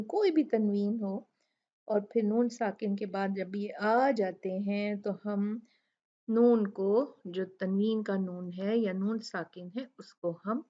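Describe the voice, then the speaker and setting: A woman teaching recitation rules in a patient way. She repeats words slowly and explains each rule with examples. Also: medium pitch, lo-fi sound. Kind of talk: tajweed lesson with recited examples.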